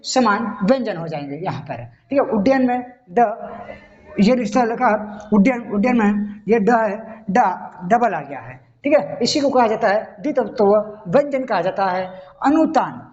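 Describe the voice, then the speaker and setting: A man's voice: high-pitched, animated, moderate pace, darkish tone. A man giving a grammar lesson step by step, often stopping to check that the listener is following. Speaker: Hindi grammar teacher. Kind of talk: classroom-style video lesson. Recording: dull lo-fi recording.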